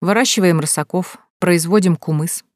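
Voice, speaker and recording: A woman voicing a calm, guarded man who speaks levelly and bluntly, in a dry audiobook recording. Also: fairly low pitch, normal speed, no echo, lightly acted. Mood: restrained.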